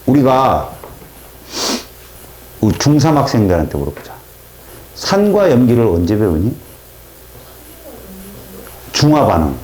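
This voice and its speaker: A man teaching a science class, lively and quizzing his students, imitating reaction sounds as he explains. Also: medium pitch, measured pace, pauses often, slight background noise. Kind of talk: classroom lecture. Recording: echoey classroom.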